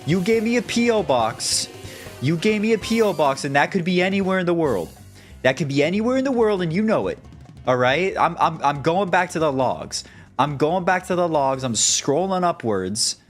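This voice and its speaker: A man's voice: fairly high pitch, expressive, normal speed, soft background music. A young American man chatting casually on a stream, rambling and swearing, with many stammered restarts as he rants. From United States.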